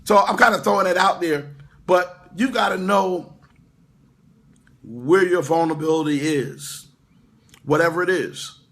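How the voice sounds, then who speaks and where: A man's voice: high-pitched, unhurried, pauses often, a bit bright. A middle-aged male pastor giving an informal livestream sermon, talking straight to his viewers with lots of restarts and asides. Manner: conversational, stammering restarts, talks to viewers in comments. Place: indoor room away from his usual location.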